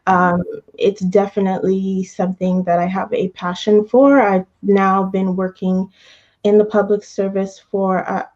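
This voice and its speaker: Mellow-voiced woman on a muffled call. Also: medium pitch, level tone, measured pace. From Canada. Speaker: guest, career coach. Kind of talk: conversational interview answers.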